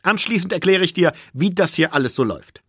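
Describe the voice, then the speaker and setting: A man voicing a calm, patient male wolf-like creature who is a teacher, explaining in an audiobook. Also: high voice, brisk, slightly rough, no room sound, studio quality, pitched above the performer's own voice, exaggerated voice.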